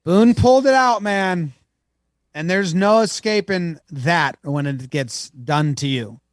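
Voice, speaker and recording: A man's voice: high-pitched, animated, slow pace, no room sound, studio quality. A man co-hosting a podcast, chatting casually and playfully about baseball. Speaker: podcast co-host. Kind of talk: casual sports chat.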